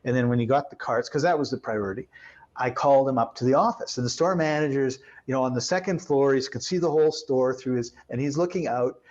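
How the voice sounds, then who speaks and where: In a conversational interview, a man with a mid-range voice tells a workplace story, animatedly acting out the voices of the people involved. The recording is muffled.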